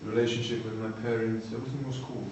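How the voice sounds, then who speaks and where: Man, Croatian accent, thirties, halting and searching for words, mellow dark voice, distant mic in a very echoey hall. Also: mid-range voice, level tone, a little hiss or hum. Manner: halting, searching for words, frequent "you know". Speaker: recovering addict giving testimony. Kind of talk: personal testimony talk.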